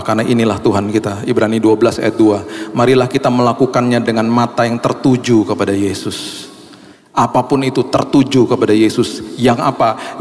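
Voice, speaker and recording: A middle-aged man preaches a sermon at a mid-range pitch. He speaks with passion, and his voice jumps high and grows loud when he stresses a point. His words ring out with the long reverb of a church hall. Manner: impassioned, rising high and loud in emphasis. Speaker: pastor.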